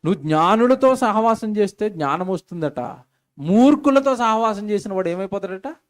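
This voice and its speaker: High-voiced man preaching emphatically. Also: lively intonation, normal speed. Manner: emphatic preaching with repetition and rhetorical questions. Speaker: pastor. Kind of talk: sermon. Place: church meeting.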